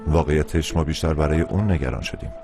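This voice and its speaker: A man voicing a calm, reassuring hospital doctor in a dubbed film. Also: rumbling low, music in the background.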